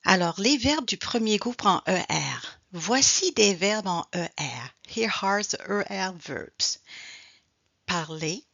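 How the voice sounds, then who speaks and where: A woman teaching French in a slow bilingual lesson, enunciating each word clearly and repeating it in French and English. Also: medium pitch, expressive, a bit bright, no room sound. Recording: dull lo-fi sound, dry.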